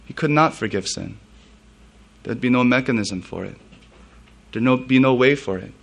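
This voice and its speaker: A man, a pastor, giving a sermon in a relaxed, conversational style with asides and questions to the congregation. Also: medium pitch, moderate pace, gravelly. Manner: conversational preaching with asides and soft laughs.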